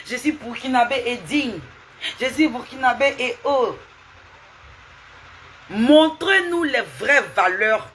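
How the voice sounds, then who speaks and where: On a live stream, a woman lectures and scolds someone, firing off repeated rhetorical questions and asking viewers to send hearts. Her voice is on the high side, pushed and bright, with a little hiss or hum behind it.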